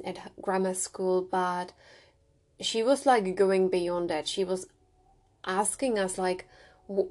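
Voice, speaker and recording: With a darkish tone and mid-range pitch, a young Czech woman shares personal stories on her solo podcast. She's reflective, speaks with a Czech accent, and makes small restarts along the way.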